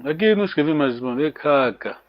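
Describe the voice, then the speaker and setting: A man's voice: on the high side, expressive, no echo, muffled recording. Patient man teaching a language online. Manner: patient, repeats words slowly for students.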